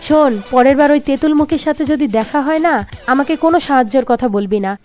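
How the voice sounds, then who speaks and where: A woman voicing a brash, scheming young village man who talks in a quick, bossy, teasing way. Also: high voice, a little mellow, faint music behind, natural voice. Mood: pushy.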